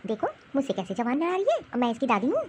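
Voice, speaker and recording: A woman's voice: high-pitched, huge pitch swings, quick pace, slight background noise. Woman doing a scornful old grandmother. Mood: scolding. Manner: scolding, taunting. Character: older grandmother, sharp-tongued and scornful. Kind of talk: cartoon voice acting.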